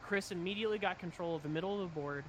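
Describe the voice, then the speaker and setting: A man's voice: sits high, very fast, a little hiss or hum. A man commentating a tabletop game on a live stream, breaking down the tactics at length. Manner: analytical, talks through tactics at length. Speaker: co-host commentator.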